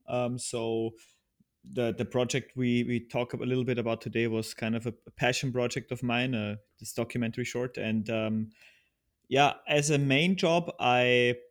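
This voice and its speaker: Hesitant Austrian-born man, guest on a podcast. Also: medium pitch. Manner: hesitant, many restarts and fillers. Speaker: podcast guest, video trailer producer. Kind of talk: casual interview chat.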